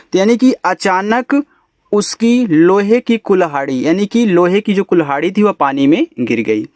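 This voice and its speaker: A man's voice: high voice, no room sound, clean studio sound. A man teaching English, spelling out each word letter by letter and explaining its meaning patiently. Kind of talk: spelling out and reading a story word by word.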